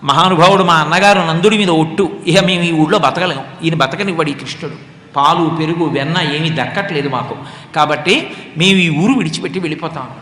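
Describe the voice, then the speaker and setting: Bright-voiced man telling a devotional story. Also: a little high, fairly quick. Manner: animated, acting out characters' lines and chanting verses. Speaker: religious discourse speaker. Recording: echoey hall with long reverb.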